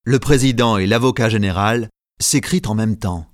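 Male narrator, fairly low voice, dry close sound, measured scripted storytelling. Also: no echo.

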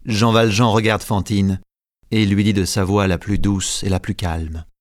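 A man narrating a story as an audiobook, in a measured, clear storytelling delivery. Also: lowish voice, flat delivery, no echo, studio quality.

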